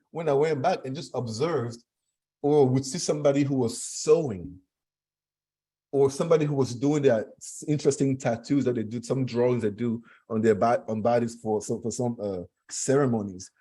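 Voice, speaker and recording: A man's voice: mid-range voice, moderate pace, dark tone, breathy edge. A man from Cameroon speaking as a guest, earnest and emphatic, often repeating his phrases. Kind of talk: conversational talk.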